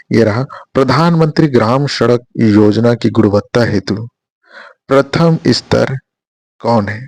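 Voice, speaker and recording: In a dry recording, a man with a fairly low, gravelly, darkish voice teaches an exam prep lesson. He quizzes listeners with repeated and rhetorical questions, checking in often with a frequent "thik hai."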